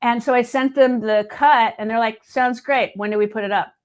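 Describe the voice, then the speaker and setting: Her pitch runs fairly high and her intonation stays fairly even, at an ordinary pace. The speaker is a woman in her late fifties, a guest who sings and edits video, chatting casually and acting out quoted speech within her stories.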